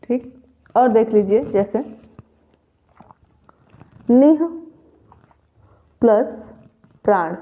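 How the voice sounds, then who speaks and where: A woman's voice: fairly high pitch, very slow, long pauses. A woman teaching a grammar lesson for exam preparation, patiently repeating each example step by step. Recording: tinny phone-like audio.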